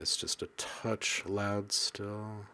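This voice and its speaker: A man's voice: on the low side, completely flat delivery, drawn-out words, pushed and bright. A man hosting a casual live stream, reading viewers' comments aloud and musing on them, then muttering to himself while he edits sounds.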